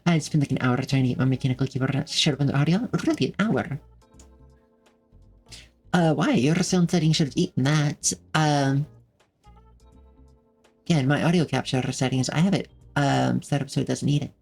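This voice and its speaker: A streamer chats loosely with viewers in a slightly husky voice, thanking them and drifting through restarts and fillers. The pitch sits in an ordinary middle range. Faint music plays under the talk from a home desk setup. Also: normal speed, long pauses, darkish tone. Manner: rambling, friendly, many fillers and restarts. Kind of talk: casual live-stream chat, reading chat. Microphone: desk microphone with noise filters.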